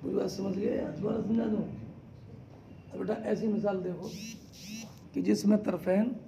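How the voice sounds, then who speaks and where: A man teaching a class, explaining slowly term by term, asking his students question after question and calling them "beta". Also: sits high, steady tone, creaky, noisy background. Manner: quizzes students with repeated questions; addresses listeners as "beta". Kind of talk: classroom lecture.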